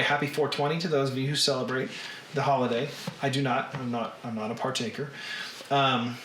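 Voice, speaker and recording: A man with a Southern US accent chatting casually to livestream viewers as host, in an unhurried drawl with drawn-out words. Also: medium pitch, a bit bright. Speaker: host of a live reading stream. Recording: roomy echo, faint background noise.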